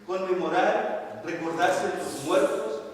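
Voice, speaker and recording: Older male pastor preaching in an echoey hall. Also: takes it slowly. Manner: impassioned preaching, swinging from loud cries to low murmurs. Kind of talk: sermon. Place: church sanctuary. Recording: echoey church hall, distant mic, faint noise.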